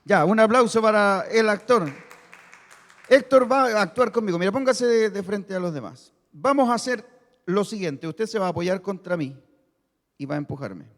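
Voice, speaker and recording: A male pastor preaching a sermon, teaching slowly and having the congregation repeat key words. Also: high-pitched, animated, a bit bright. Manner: explains word meanings slowly, stresses key words. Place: church hall. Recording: long reverb of a church hall.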